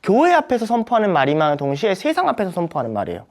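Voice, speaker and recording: A young man teaching a Bible study for church teachers, animated, acting out quoted voices with big jumps in pitch. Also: racing. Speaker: youth ministry preacher teaching teachers.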